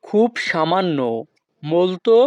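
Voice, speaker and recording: A man teaching short phrases in a slow lesson, repeating each one syllable by syllable. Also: high-pitched, clean tone, no echo, dull audio. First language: Bengali. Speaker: language teacher.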